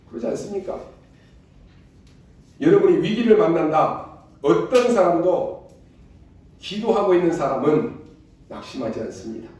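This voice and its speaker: A man's voice: on the high side, mellow. A male pastor preaching a sermon, pressing his point with repeated rhetorical questions to the congregation. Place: church sanctuary. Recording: very echoey church hall, voice far from mic.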